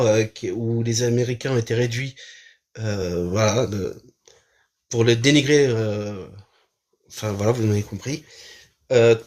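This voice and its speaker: A man with a mid-pitched voice hosts a live stream and reacts casually to a video. He talks hesitantly, filling gaps with pauses and restarts. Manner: hesitant, full of fillers and restarts.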